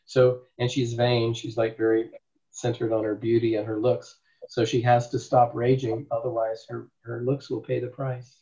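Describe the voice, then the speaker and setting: A male therapist teaches a group in a loose, rambling way, leaning hard on his points and tossing out rhetorical questions. His voice sits at a middle pitch. The recording is dull and lo-fi. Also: little pitch movement, normal speed, warm tone. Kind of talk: informal teaching talk.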